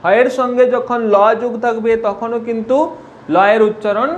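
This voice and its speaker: A man's voice: very high-pitched, steady tone, moderate pace, lo-fi sound, slight background noise. A man teaching a spelling and pronunciation lesson, repeating each point and asking questions that he answers himself. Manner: repetitive, asks questions and answers them himself.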